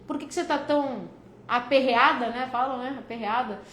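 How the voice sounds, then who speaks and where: This is a woman with a São Paulo accent and a high voice, hosting a relaxed live stream about getting out of debt. She talks to her viewers warmly and familiarly, joking as she answers their questions. Her voice rings in a reverberant room with a faint hum of noise behind it. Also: brisk. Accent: São Paulo Brazilian Portuguese. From São Paulo, Brazil. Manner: chatty and joking, calls viewers "filha" and "cara".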